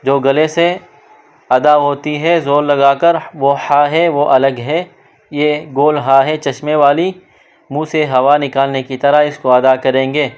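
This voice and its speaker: A man teaching children to read the Quran, explaining each letter patiently and drawing syllables out slowly in recitation. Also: fairly high pitch, level tone, clean tone. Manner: slow, drawn-out syllable-by-syllable recitation between explanations. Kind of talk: step-by-step recitation lesson for kids.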